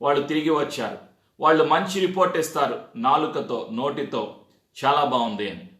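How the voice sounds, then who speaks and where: Man pastor, fairly high voice, emphatic sermon, echoey church hall. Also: lively intonation, moderate pace, a bit bright. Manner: emphatic preaching with repeated calls to the congregation.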